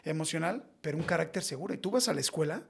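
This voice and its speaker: A Mexican man in his forties, a podcast guest, telling personal stories in a blunt, slangy, animated way. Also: a little high, rapid-fire, creaky, husky. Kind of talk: casual podcast conversation.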